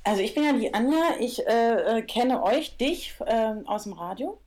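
A woman's voice: fairly high pitch, lively intonation, moderate pace, a little mellow, a little hiss or hum. Chatty woman, lots of fillers. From Berlin, Germany. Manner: chatty, hesitant with many fillers. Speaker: podcast guest, TV worker. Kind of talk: casual chat.

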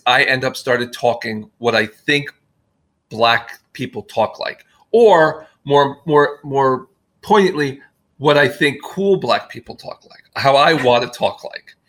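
Gravelly, bright-voiced man rambling. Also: medium pitch, moderate pace. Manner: rambling, self-deprecating, frequent restarts. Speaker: guest filmmaker. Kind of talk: casual podcast conversation.

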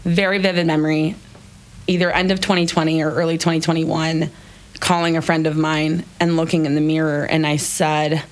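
A woman founder, a podcast guest, telling her personal story candidly and with emotion, swearing casually now and then. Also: low voice.

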